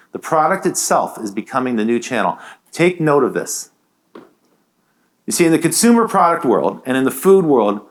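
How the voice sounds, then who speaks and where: A man giving a conversational, enthusiastic conference keynote on stage. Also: medium pitch. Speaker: keynote speaker.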